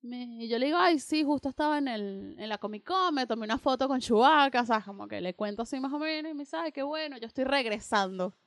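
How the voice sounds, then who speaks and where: A young woman co-hosting a radio show, casually telling a personal story and acting out both sides of the dialogue in an animated way. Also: high voice, fast, hardly any pauses, no room sound, studio quality. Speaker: radio co-host.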